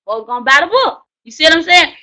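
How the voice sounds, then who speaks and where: A woman teaching a writing class, coaching loudly and repetitively in slangy, preacher-like exhortation. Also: very high-pitched, very animated, quick pace, poor audio. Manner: loud, hollering, preacher-like exhortation. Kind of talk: live online class on book promotion.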